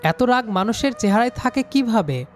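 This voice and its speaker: With music playing beneath him, a young man reads a first-person story as the student hero, performing his own dialogue. He speaks at a moderate pace in a very high, sing-song voice.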